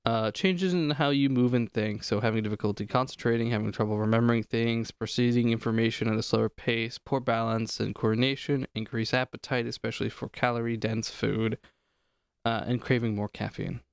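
A man chatting casually as a podcast host, working through lists aloud and tossing in jokes. His voice sits at an ordinary pitch and sounds dry and close, with no room around it. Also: fairly even intonation, brisk, vocal fry, clear, resonant tone, no echo. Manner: reads lists aloud, joking. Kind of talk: casual chat.

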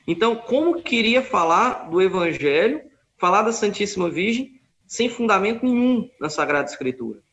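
A man's voice: high-pitched, sing-song, normal speed, fairly bright tone. A man telling a story in an emphatic way, quoting his own words at length. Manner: emphatic, quotes himself at length. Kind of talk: casual storytelling. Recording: dull lo-fi recording.

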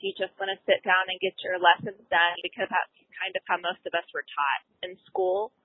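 Homeschooling mom over a tinny line. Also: female voice, on the low side, very animated, normal speed, a little hiss or hum. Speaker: homeschooling parent. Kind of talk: casual explanation.

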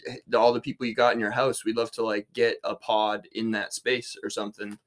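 A man's voice: on the low side, level tone, brisk. A young man co-hosting a casual podcast, talking in a laid-back, slangy and profane way. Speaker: podcast co-host.

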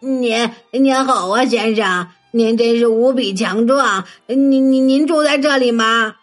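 A woman's voice: a little high, animated, unhurried, fairly bright tone, husky, faint music behind, full character voice. A woman voicing a hungry, sly and cowardly male wolf in a children's story, stammering and whining. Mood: stammering, fawning.

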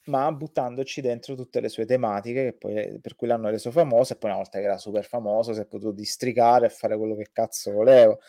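A man's voice: mid-range voice, fairly even intonation, quick pace, few pauses, warm tone, no room sound, studio quality. A man in a casual, opinionated film chat, speaking vehemently and sarcastically and swearing freely. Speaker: podcast co-host.

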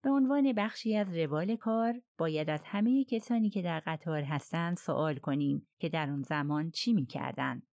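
Woman reading polite pushy detective asking questions, lowish voice, dry close sound. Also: hardly any pauses, darkish tone, no echo. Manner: probing, politely persuasive. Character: persistent foreign detective questioning witness, man.

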